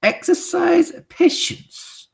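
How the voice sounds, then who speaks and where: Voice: very high voice, lively intonation, extremely slow, gravelly, voice pushed up, heavily acted, poor audio. A reader voicing a tiny, furious female witch leader who screeches and speaks with odd foreign-sounding grammar, in an audiobook. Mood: commanding. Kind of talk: audiobook character voice.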